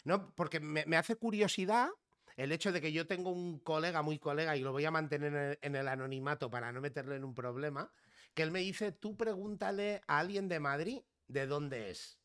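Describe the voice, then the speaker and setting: A man's voice: a little high, fairly quick, a bit bright, clear, resonant tone. A male podcast host interviewing a guest, curious and chatty, often restarting his words. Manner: curious, stammering restarts, storytelling. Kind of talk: casual interview chat.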